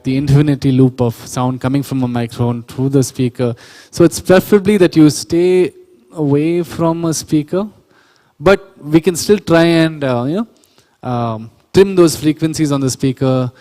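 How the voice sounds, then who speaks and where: A man's voice: medium pitch, dark tone, in a large hall. A man giving a workshop lecture on sound engineering, explaining step by step, correcting himself and quizzing the audience. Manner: explanatory, self-correcting, asks the audience questions. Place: church hall or auditorium.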